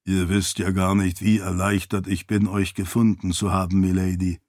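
A man voicing a loyal male spirit living in a floating light orb, with a deep, hesitant voice, speaking slowly and formally to his lady. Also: flat delivery, a little mellow, no echo, studio quality. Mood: relieved. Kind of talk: audiobook character voice.

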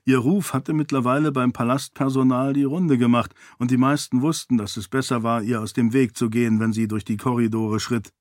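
A man's voice: mid-range voice, steady tone, a little fast, hardly any pauses, dry recording, clean studio sound. Man narrating a fantasy audiobook.

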